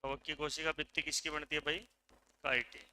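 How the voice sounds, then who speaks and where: A man's voice: a little high, flat delivery, a little fast, sharp tone, smooth, poor audio. A man teaching a class, giving dictation and drilling students by repeating his questions and their answers. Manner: gives dictation commands. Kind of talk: classroom lecture.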